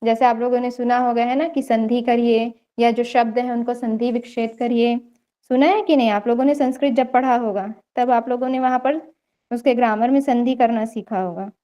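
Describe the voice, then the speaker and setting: A woman's voice: a little high, steady tone, moderate pace, dark tone. A young woman teaching an online yoga theory class, explaining step by step and checking in often with her students. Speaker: yoga lecturer.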